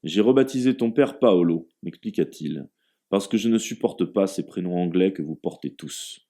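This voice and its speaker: A man's voice: deep voice, expressive, normal speed, dark tone. A man voicing a boisterous, hearty older Italian host who hammers his words. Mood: jovial.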